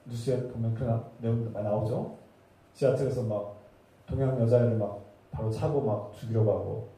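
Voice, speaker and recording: A man's voice: medium pitch, steady tone, fairly quick, dark tone. A man preaching a sermon as pastor, impassioned and emphatic, building his points through repeated phrases. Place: church sanctuary. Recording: echoey hall, voice from a distance.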